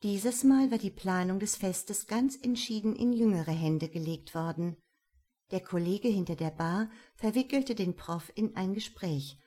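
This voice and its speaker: A woman narrating a novel as an audiobook, with steady, clear storytelling. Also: mid-range voice.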